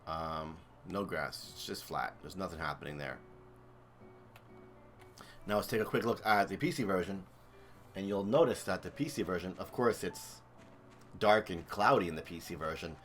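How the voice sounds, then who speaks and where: Soft background music plays under this man's deep, somewhat bright voice, which moves at a moderate pace with long pauses. He's streaming and commenting on a video game comparison, chatty and eager, thinking aloud in a casual way.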